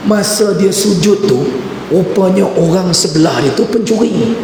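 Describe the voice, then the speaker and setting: A man's voice: high voice, normal speed. A male preacher telling an anecdote in a conversational way during a religious lecture in a mosque. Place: mosque hall. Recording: echoey mosque hall with background noise.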